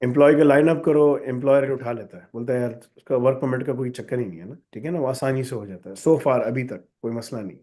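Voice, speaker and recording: Answering students' questions live, this college founder talks fast with few pauses in a dark-toned, medium-pitched voice. He has a sore throat. He's direct and instructive, dropping into English when he wants emphasis.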